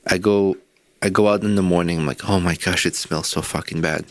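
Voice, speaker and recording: A man's voice: low voice, steady tone, a little fast, dry recording. A man co-hosting a casual podcast, telling a long story with profanity and frequent laughs. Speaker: podcast co-host.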